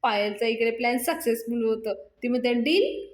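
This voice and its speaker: High-voiced woman retelling a serial. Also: normal speed. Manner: lively retelling, acting out the characters. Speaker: serial recap host. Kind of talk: storytelling episode recap. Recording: roomy echo.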